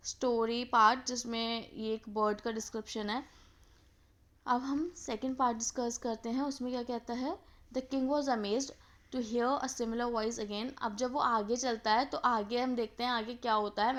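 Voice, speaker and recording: A woman teacher explaining a textbook story, reading each English line slowly and then explaining it in everyday speech. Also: a little high, fairly bright tone.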